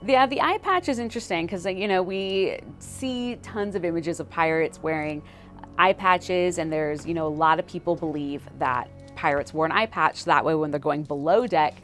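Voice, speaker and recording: A woman's voice: on the low side, moderate pace, a bit bright, soft background music. A woman historian explaining as a guest in a casual way, full of "like" and "you know". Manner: chatty, filler-heavy with frequent 'like, you know'.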